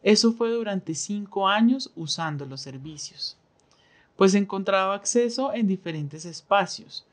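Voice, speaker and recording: A woman's voice: on the low side, a little mellow. Woman voicing a signed interview. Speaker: sign language voice interpreter.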